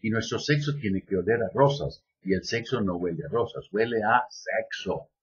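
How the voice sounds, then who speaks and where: A man giving a lecture, reading a text aloud at an even pace and adding slow joking asides. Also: fairly low pitch, breathy edge, lo-fi sound. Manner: reads steadily, then drops in slow joking asides. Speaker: lecturer on biodecoding.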